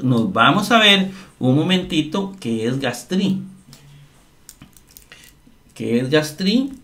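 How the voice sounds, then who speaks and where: Slow, explanatory male teacher. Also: fairly high pitch, bright, forceful tone. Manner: slow, explanatory, repeats words and asks "¿verdad?". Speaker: Greek grammar teacher. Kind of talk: screen-share grammar lesson.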